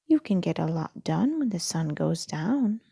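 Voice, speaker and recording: Knowing owl for a storybook , female reader: friendly, calm, explanatory, creaky and unhurried. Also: lowish voice, no room sound, studio quality, exaggerated voice. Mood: matter-of-fact. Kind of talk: storybook read-aloud.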